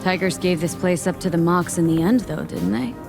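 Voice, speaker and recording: A tough female mercenary from a video game. She talks in a lowish voice, terse and wry, with street slang. Music plays clearly behind her. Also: fairly quick. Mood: curious.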